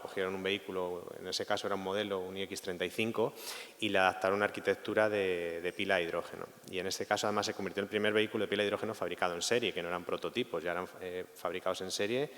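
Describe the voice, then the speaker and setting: Fast-talking deep-voiced man on a panel. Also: fairly bright tone. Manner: conversational, many fillers and self-restarts. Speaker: panelist, automotive product manager. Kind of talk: panel discussion answer. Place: university conference hall. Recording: long reverb in a lecture hall.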